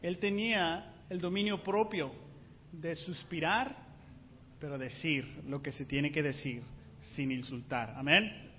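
A man preaching a sermon in an animated way, asking his congregation rhetorical questions. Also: a little high, slow pace, a little hiss or hum. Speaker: pastor. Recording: muffled sound with long hall reverb.

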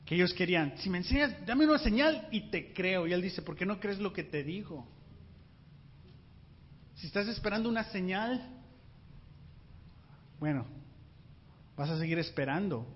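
Male pastor, high-pitched, animated sermon delivery, recorded in a reverberant hall. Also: slight background noise. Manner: animated, rhetorical questions to the congregation. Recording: muffled sound with long hall reverb.

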